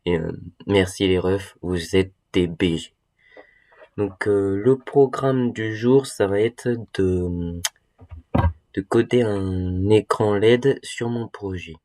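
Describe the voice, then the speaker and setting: This young man has a deep, warm voice, a steady tone, and a slow delivery, though a cold makes him stuffy. As a hobbyist electronics YouTuber, he gives a casual screen-recorded tutorial, hesitant and slangy, with many fillers.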